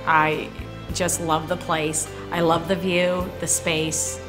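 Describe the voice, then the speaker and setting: A woman's voice: low-pitched, flat delivery, slow, over music, low-quality recording. A woman speaking conversationally as a customer giving a testimonial.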